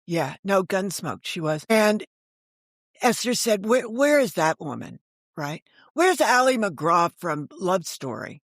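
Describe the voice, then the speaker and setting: An author and storyteller appearing as an interview guest tells anecdotes in a chatty, digressive way, voicing other people's remarks as she goes. Her medium-pitched voice swings widely and moves slowly, captured in clean studio sound with no room tone.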